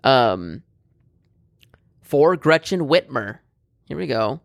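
A man's voice: medium pitch, big pitch swings, takes it slowly, creaky, no room sound, studio quality. A man co-hosting a casual political chat, blunt and opinionated, swearing freely and rambling with fillers and restarts.

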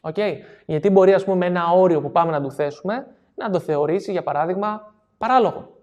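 A man's voice: high-pitched, a little mellow, lo-fi sound. Greek man explaining like a coach. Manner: explanatory, repeats key phrases, checks listeners understand. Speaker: NLP coach. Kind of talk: seminar talk.

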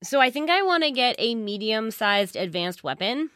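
A woman playing a tabletop role-playing game, lively and quick to laugh, asking questions. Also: on the high side, dry recording, studio quality. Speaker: player. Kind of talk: casual tabletop game chat.

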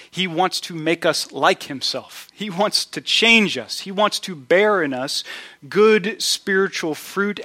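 Bright-voiced earnest male pastor preaching. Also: fairly high pitch. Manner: earnest preaching, lively storytelling with acted-out quotes. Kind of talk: sermon.

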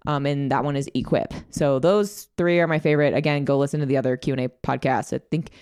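A woman's voice: very deep voice, fairly even intonation, quick pace, a little mellow. A young woman co-hosting a fitness podcast, chatting casually with lots of fillers. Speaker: podcast co-host, fitness coach. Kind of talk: casual chat.

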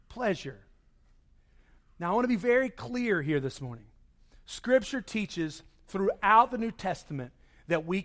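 A man's voice: sits high, a bit bright. A man preaching a conversational sermon to his congregation, acting out everyday inner voices. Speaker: pastor.

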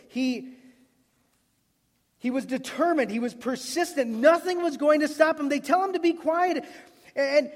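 High-voiced pastor preaching in a reverberant hall. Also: male voice. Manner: emphatic, repeats words, builds to loud cries then drops soft. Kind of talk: sermon.

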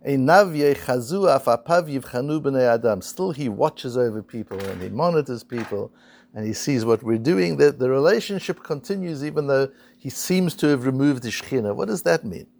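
Male Torah teacher, mid pitch with a gravelly edge, asks rhetorical questions. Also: lively intonation, a little mellow, a little hiss or hum. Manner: explains slowly, reads Hebrew and Aramaic quotes then translates. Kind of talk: Talmud lesson.

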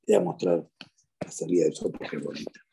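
A man's voice: deep voice, steady tone, fairly quick, creaky, background noise. A middle-aged man with a Rioplatense Spanish accent, a rabbi giving an emphatic, preachy talk on the weekly Torah portion and repeating his points for weight. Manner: emphatic, preachy, with repetitions and Hebrew phrases. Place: outdoors at sunrise.

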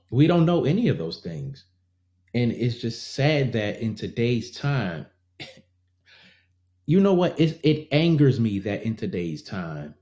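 A man's voice: mid-range voice, a little mellow, roomy sound. A man talking straight to his viewers in a casual, earnest way, growing indignant and repeating himself as he reacts. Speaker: vlogger. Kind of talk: casual commentary to camera.

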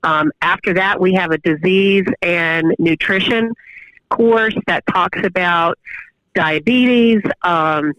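A woman professor answering interview questions over the phone, explaining at length with pauses and fillers. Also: lowish voice, fairly bright tone, dry recording. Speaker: guest professor of exercise science. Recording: dull, muffled phone line.

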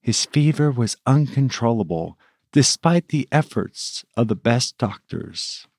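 A man, a priest, narrating a scripted family story in a measured, reverent way. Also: mid-range voice, animated, a little mellow, husky, dry recording, studio quality.

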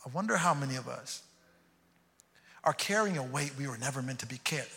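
This sermon comes from a pastor from Houston, Texas, who speaks earnestly and repeats words as he launches each thought. His medium-pitched voice is animated, pushed and bright with vocal fry, and he talks fairly quickly. The recording has a long hall reverb.

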